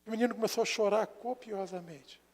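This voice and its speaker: High-voiced Brazilian pastor in reverberant church. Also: male voice, brisk. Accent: Brazilian Portuguese. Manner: storytelling with dramatic swings between soft and loud. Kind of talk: sermon. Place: church sanctuary. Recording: long church hall reverb.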